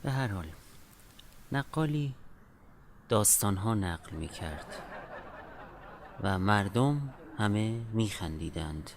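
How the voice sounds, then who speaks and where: A man telling a literary tale in a dramatic, deliberate way, phrase by phrase. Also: fairly low pitch, lively intonation, slight background noise.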